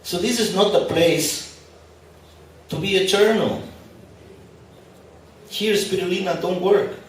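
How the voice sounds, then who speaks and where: Recorded from a distance in a very echoey expo hall, a non-native English-speaking spiritual teacher gives a conversational talk with light humor to a live crowd. His voice is high and he takes it slowly, with a little hiss or hum in the background.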